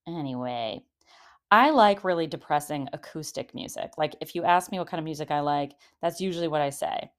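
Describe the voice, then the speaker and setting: A woman's voice: low-pitched, fairly quick. A woman nearly fifty talking casually about dating in a rambling, chatty monologue, full of fillers and laughs. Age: 40s. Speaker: podcast host.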